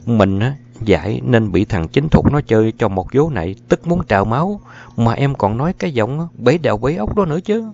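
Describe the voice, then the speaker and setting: A man's voice: medium pitch, lively intonation, a little fast, creaky. A man doing a flustered, exasperated husband. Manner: loud, grumbling exclamations. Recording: dull lo-fi recording.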